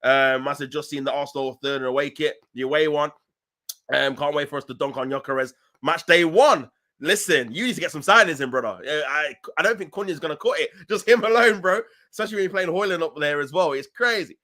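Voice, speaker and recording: A man's voice: a little high, fairly quick, pushed and bright. A young man hosting a casual football live stream, reading chat messages in loose, slangy talk and laughing often.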